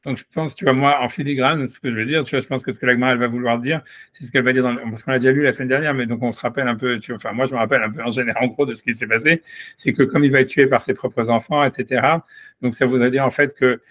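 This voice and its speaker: A man leads an informal Talmud study session. He reasons aloud, restarting his sentences and adding quick asides. His voice sits at an ordinary middle pitch. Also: fairly even intonation, fairly bright tone. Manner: hesitant, thinking aloud, many restarts. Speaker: rabbi teaching Talmud. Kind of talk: informal study-class explanation.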